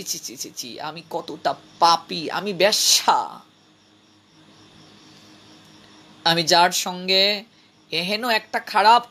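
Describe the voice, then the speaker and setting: A man voicing a remorseful young courtesan who begs a saint for forgiveness, in a drawn-out, pleading, self-reproaching manner. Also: sits high, sharp tone, heavily acted. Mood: ashamed.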